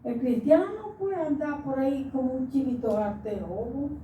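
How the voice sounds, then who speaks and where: A woman's voice: high-pitched, moderate pace, echoey room, far from the mic, phone-quality sound, a little hiss or hum. A woman from the Dominican Republic with a Dominican accent, giving an emotional church testimony and often breaking into laughter and tears. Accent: Dominican Spanish.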